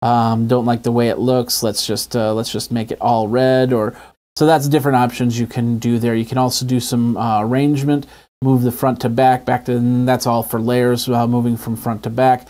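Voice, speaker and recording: Here the app review show host sounds casual and mid-pitched, with a level, mellow tone at a normal speed. He talks through the tutorial one step at a time in a relaxed, conversational manner, captured by a lapel mic in his small indoor home studio.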